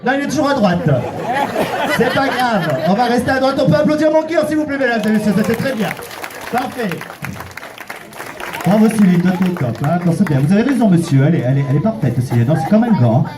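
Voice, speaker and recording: Man, street performer, high voice, swooping lively delivery, teasing comic banter, loud crowd around him. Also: fast. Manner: teasing, playful, calls volunteers "mon cœur"; counts out loud and coaxes the crowd to applaud. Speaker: street performer leading audience volunteers. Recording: open-air recording with a noisy crowd around.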